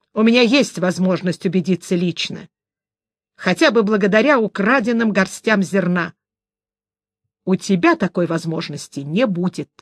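A cold, calm male elf commander, voiced by a woman reading an audiobook. He speaks quietly and in measured phrases. The reading is slow and the sound dry. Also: medium pitch, dry recording, close to an everyday voice.

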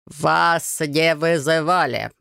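A woman reading an audiobook voices an indifferent building guard, a man who drones in a nasal, frozen monotone. He is slow and unbothered, and his voice sits low with a gravelly edge on a dry, close recording. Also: no room sound, full character voice. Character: bored monotone male guard, gatekeeping.

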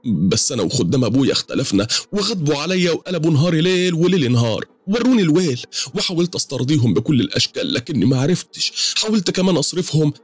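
A man putting on the voice of a distressed, pleading woman, pitched far up into a thin, strained, tearful register with an Egyptian accent. The delivery is rapid, and the lower voice underneath sounds husky and dry, with little room around it. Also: no room sound. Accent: Egyptian Arabic. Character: distressed middle-aged woman pleading for help.

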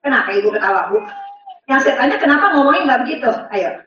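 A woman leads a parenting seminar with a high, animated voice. She quizzes her audience and slips into parent and child voices. She sounds far from the mic in a very echoey hall, with a dull tone. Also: fast. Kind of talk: interactive seminar talk.

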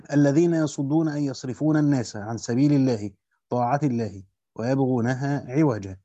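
A man's voice: medium pitch, dark tone, no echo, dull audio. A man with an Egyptian accent reading a classical Quran commentary aloud and explaining it with colloquial asides. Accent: Egyptian Arabic. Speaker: Islamic studies teacher.

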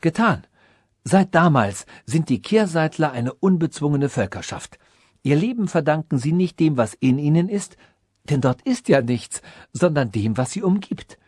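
A man's voice: mid-range voice, a little mellow, husky, dry recording. Man reading a radio story, dry. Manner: measured, formal narration. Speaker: narrator.

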